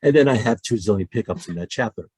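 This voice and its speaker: This podcast guest, a voice actor, talks quickly in a lowish, slightly rough voice, with no echo in the recording. Calling in for a casual conversation, he is animated and passionate about storytelling, frequently breaking off and starting his sentences over.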